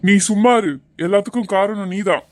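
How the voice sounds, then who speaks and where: A man's voice: high voice, a little fast, very noisy, natural voice. A man voicing a strict, proud father who scolds his son harshly, for a cartoon. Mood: angry.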